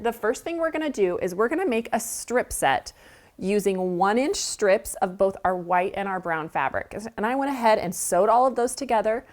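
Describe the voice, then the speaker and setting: A quilting show host leads a relaxed, friendly sewing tutorial in an indoor studio, chatting through each step as she works. Her mid-range voice sounds a bit stuffy, and she sniffles from a cold.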